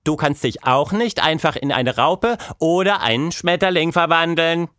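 A man's voice: fairly high pitch, moderate pace, fairly bright tone, no room sound, clean studio sound, voice pushed up, natural voice. A man voicing a patient, sensible young girl in a storybook, explaining the rules of a game. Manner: explaining rules, firm but friendly. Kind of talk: storybook audiobook voice.

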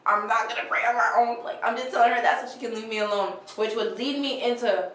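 A woman's voice: a little high, fast. A young woman co-hosting a faith podcast, telling her story in casual chat full of "like" and laughs. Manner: animated, filler-heavy testimony with laughs. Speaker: podcast co-host. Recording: echoey room with faint ambience.

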